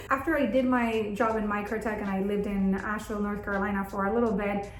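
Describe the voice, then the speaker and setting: This brisk, level-toned woman speaks at a medium pitch. She is a 38-year-old native Spanish speaker from Argentina, an upbeat content creator hosting a vlog and chatting casually and candidly with viewers. She's in her bathroom at home, and the indoor room sounds echoey.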